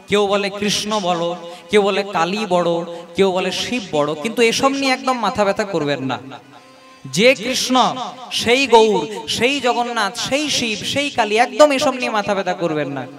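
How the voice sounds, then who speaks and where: A high-pitched man preaches in a devotional kirtan sermon, calling his listeners mothers and fathers and putting rhetorical questions to them. Loud instrumental accompaniment plays under his voice throughout the live recording. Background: devotional instruments playing.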